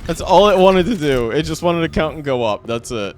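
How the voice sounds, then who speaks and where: A man's voice: fairly high pitch, expressive, brisk, slight background noise. A man live-streaming a game, chatting casually and animatedly with his viewers and laughing often.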